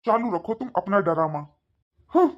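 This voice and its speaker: A woman voicing an irritable young husband in a cartoon, talking in a gruff, scolding way. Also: mid-range voice, lively intonation, normal speed, natural voice. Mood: irritated. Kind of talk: cartoon voice acting. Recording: dull lo-fi sound.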